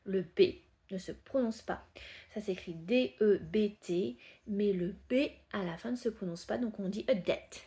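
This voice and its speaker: Unhurried French-speaking woman teaching English words. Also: medium pitch, dark tone. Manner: patient, unhurried, repeats each word slowly. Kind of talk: pronunciation lesson.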